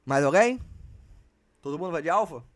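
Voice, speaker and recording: A man runs a live online exam prep class. His voice sits high for a man, and he talks in a loose, slangy way with plenty of swearing, calling his students "cara" and "galera". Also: animated, moderate pace.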